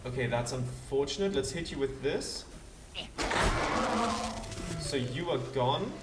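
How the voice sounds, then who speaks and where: A man's voice: mid-range voice, expressive, takes it slowly, very noisy. A man hosting a let's play with casual commentary, thinking aloud and talking to the game's characters. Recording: roomy distant voice under loud game music.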